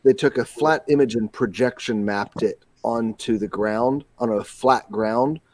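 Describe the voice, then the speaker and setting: Casting: male podcast host, mid-pitched, close dry sound, enthusiastic and detail-obsessed. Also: unhurried, darkish tone, no room sound. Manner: enthusiastic, detail-focused, laughs easily. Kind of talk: casual chat.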